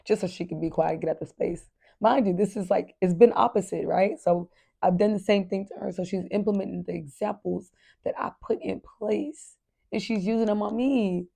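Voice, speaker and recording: A woman's voice: medium pitch, moderate pace, gravelly, mellow, breathy edge. A woman hosting a parenting podcast, talking candidly and earnestly straight to her listeners. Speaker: podcast host. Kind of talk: casual podcast monologue.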